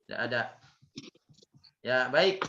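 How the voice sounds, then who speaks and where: An Islamic teacher runs an Arabic grammar class with call-and-response, drilling students by repeating words and quizzing them. His mid-range voice is expressive and unhurried, and the recording is echoey, dull, lo-fi, with faint noise.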